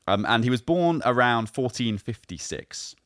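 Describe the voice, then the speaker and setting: A man hosting a comedy history podcast, telling the story in a halting way, full of ums and restarts. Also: mid-range voice, lively intonation, fairly bright tone, no room sound, studio quality. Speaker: podcast host. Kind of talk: casual comedic history chat.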